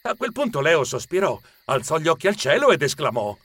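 A man narrating a children's story with expressive storytelling. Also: a little high, fairly quick, dry recording.

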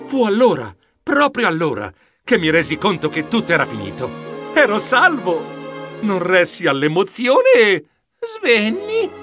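A man narrating a children's adventure audiobook in the first person, with theatrical, expressive delivery. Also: a little high.

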